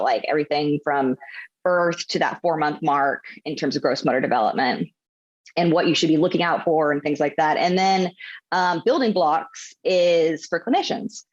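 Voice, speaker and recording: Thirty-something woman pt guest, lowish voice, kinda muffled lo-fi audio, explains stuff at length. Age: 30s. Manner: explains methodically in long runs. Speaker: physical therapist guest. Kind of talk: casual interview chat. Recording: dull lo-fi audio.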